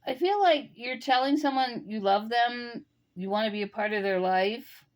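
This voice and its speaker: Musing higher-voiced woman tarot reader. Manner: musing, speaks straight to the listener with many "um"s and pauses. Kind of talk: intuitive tarot reading.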